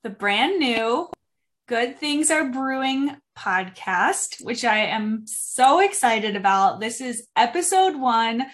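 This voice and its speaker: A woman's voice: on the high side, fairly bright tone. A woman hosting a casual podcast chat, upbeat and chatty, with many um fillers. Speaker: podcast host.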